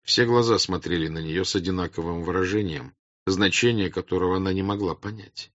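A man reading a classic novel aloud as an audiobook narrator, calm and even. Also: low-pitched, a little fast, no room sound, highs cut off. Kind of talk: scripted narration.

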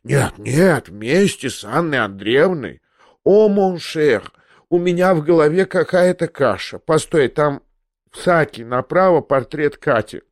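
A man reading an audiobook, voicing a frail, frightened old prince who pleads in a slow, trembling voice and slips into French. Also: on the high side, expressive, no echo, clean studio sound. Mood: pleading. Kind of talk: audiobook character voice.

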